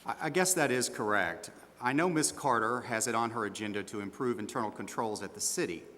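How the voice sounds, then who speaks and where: In an amateur stage dramatization, a man plays a defensive male auditor being questioned at a disciplinary hearing, speaking formally and a little hesitantly. His mid-range natural voice is slightly fast, pushed and bright, and his mood is measured and defensive. The hall is echoey, with long reverb.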